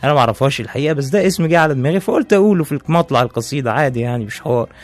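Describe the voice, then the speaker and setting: A man's voice: mid-range voice, lively intonation, racing, voice pushed up, natural voice. A man voicing a polite, bewildered poet who speaks modestly and hesitantly with an Egyptian accent. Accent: Egyptian Arabic. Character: pre-Islamic male poet, polite, bewildered.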